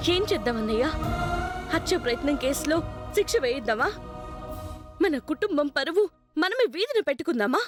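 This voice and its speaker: A grieving young wife in a soap opera, her voice set very high as she pours out earnest, reproachful speeches. A score of background music plays beneath her. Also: big pitch swings, normal speed, pauses often. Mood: sorrowful. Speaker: daughter-in-law. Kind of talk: TV serial acting.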